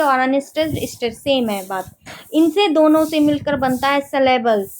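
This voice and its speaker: A woman with a high voice teaches literary terms for an exam at an unhurried pace. She reads each definition slowly, then goes over it again with quick questions. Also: a little hiss or hum, rough recording. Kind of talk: exam-prep lecture in Hindi and English.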